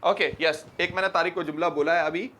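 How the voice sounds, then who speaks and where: Bright-voiced male teacher, high pitch. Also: fairly even intonation, brisk. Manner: quizzes students, mixes Hindi and English. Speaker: English teacher. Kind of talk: classroom grammar lesson. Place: classroom.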